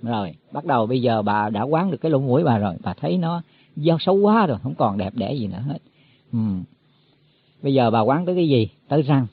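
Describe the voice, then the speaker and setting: A man delivers a Buddhist sermon in a folksy, explaining way, often stumbling over repeated words. His voice is husky and sits a little high. It comes through a tinny, phone-like, dry recording. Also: no echo. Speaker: Buddhist teacher.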